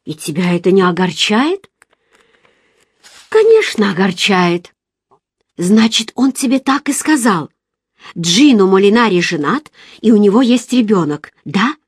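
A woman reader voicing an excitable, gossipy young woman friend who talks loudly in exclamations. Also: mid-range voice, measured pace, long pauses, slightly rough, dry recording, clean studio sound. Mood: excited. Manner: loud, exclamatory, emphatic.

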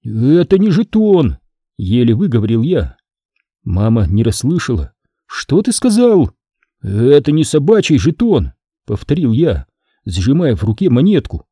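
A man voicing an earnest, excitable boy in an audiobook story. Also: mid-range voice, moderate pace, breathy edge, no echo, studio quality. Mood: alarmed. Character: worried boy, polite and excitable.

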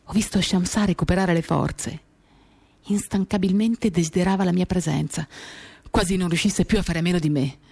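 A woman with a husky, dark, lowish voice and some vocal fry reads a literary monologue for radio theatre at a moderate pace. Her intonation stays fairly even as she confides in short, dramatic, intimate phrases. Acoustic guitar plays behind her as she reads from a novel.

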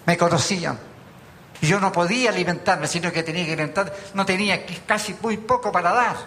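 A Chilean man preaching a sermon at a church meeting, telling stories with gentle humor and asking rhetorical questions. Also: high-pitched, fast talker, slight background noise. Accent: Chilean Spanish.

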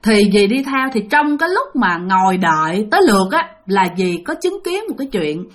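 A woman's voice: mid-range voice, sing-song, normal speed. A woman telling a ghost story in a rambling, filler-heavy way, speaking directly to her listeners. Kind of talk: spoken ghost story narration.

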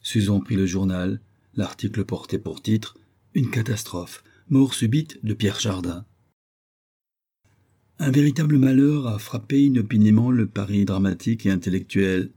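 A man narrating a classic novel as an audiobook, with a measured literary reading. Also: lowish voice, warm tone, husky. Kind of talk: scripted narration.

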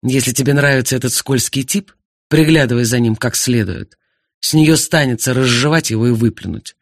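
A man voicing a jealous, blustering husband who shouts indignantly in an audiobook. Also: medium pitch, normal speed, dry recording, clean studio sound, lightly acted. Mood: ranting. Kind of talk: audiobook character voice.

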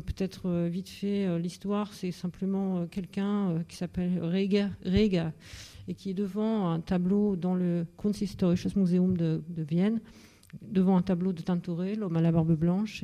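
Middle-aged woman speaker, mellow voice, halting with lots of fillers, literary talk in a library. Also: on the low side. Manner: hesitant, many fillers and restarts. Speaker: author and teacher speaking at a literary evening. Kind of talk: informal literary talk with readings. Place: library event room.

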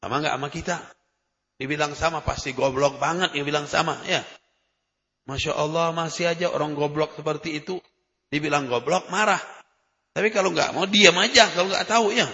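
A man preaching a sermon in a casual, emphatic way, his voice jumping up in loud bursts between calmer explanations. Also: sits high, creaky. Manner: emphatic, conversational preaching with sudden loud rises. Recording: lo-fi echoey hall recording.

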